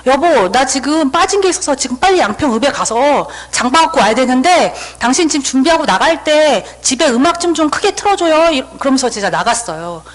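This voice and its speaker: A woman in her thirties giving a seminar talk, telling a lively story and acting out her own dialogue. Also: a little high, poor audio. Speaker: invited seminar speaker. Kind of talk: motivational storytelling speech.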